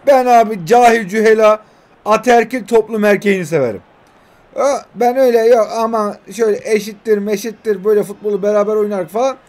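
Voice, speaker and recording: A man in his twenties with a high voice gives brisk, excitable live commentary on a mobile football game, full of slangy banter and sudden shouts.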